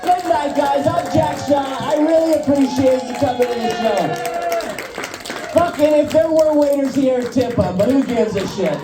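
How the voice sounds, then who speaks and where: A young man doing a crude, excitable stand-up set with lots of swearing at a show in a record store. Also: very high voice, normal speed, music in the background. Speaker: stand-up comedian. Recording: roomy live room from far off, loud crowd.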